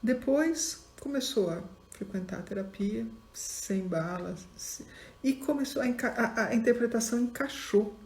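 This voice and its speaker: A woman's voice: a little high, animated, measured pace, a little mellow, a little hiss or hum. A woman with a Brazilian Portuguese accent, a psychology lecturer telling a case story in class and acting out both sides of the dialogue. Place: lecture room. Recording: echoey classroom.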